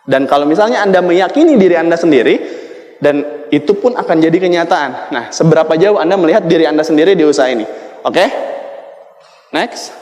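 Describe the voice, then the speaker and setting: A man's voice: a little high, lively intonation, fairly quick, a little mellow. A man gives a motivational talk at a sales event and keeps firing rhetorical questions at the crowd. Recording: echoey reverberant hall.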